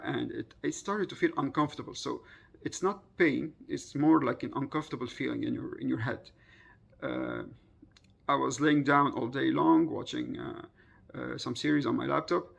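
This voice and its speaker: A man of about thirty with a husky, gravelly voice, casually recounting a personal experience in a hesitant, circling way. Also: medium pitch.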